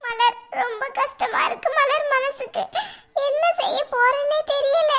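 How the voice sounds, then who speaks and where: A very high, bright and piercing cartoon voice of a young married village woman, acted by a woman. She sounds tearful and anxious, fretting aloud in despair. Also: steady tone, a little fast. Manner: tearful, despairing, talks to herself. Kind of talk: cartoon voice acting.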